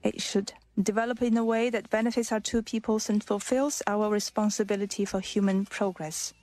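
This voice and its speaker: A woman interpreting live for a state leader, with a formal and deliberate delivery. She speaks in the measured, careful way of a diplomatic interpreter. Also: medium pitch, fairly even intonation, darkish tone, dry recording. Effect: live interpreter voice rendering a leader's speech in a played news clip.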